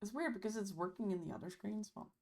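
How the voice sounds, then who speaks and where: A woman's voice: medium pitch, quick pace, darkish tone. A young woman hosting a live stream, chatting casually and thanking her viewers while losing her voice. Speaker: livestream host.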